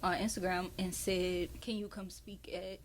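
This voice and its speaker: A woman's voice: lowish voice, flat delivery, unhurried, a little hiss or hum. A woman hosting a podcast, chatting casually and telling her own story expressively. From Houston area. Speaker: podcast host. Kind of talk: casual interview chat.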